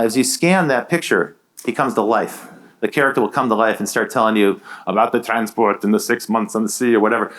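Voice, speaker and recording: A man's voice: medium pitch, fairly bright tone. A man giving a conversational, enthusiastic conference keynote on stage. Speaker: keynote speaker.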